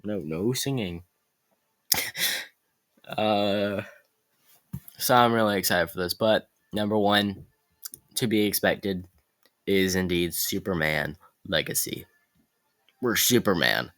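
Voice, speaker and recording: A man vlogging about upcoming movies in a casual, excitable way, rambling and correcting himself as he goes. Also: low voice, slow, pauses often.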